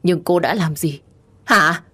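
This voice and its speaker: A woman reading an audiobook gives voice to a furious, grieving young man who shouts harsh accusations. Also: fairly low pitch, quick pace, lightly acted. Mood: furious shouting.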